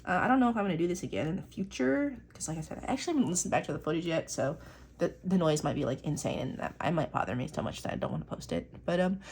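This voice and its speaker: While inking a drawing, a young artist vlogger talks in a chatty, rambling way full of tangents, dropping the occasional swear word and plenty of "like" and "um" fillers. She has a lowish, expressive voice that races along, a little mellow, with slight background noise.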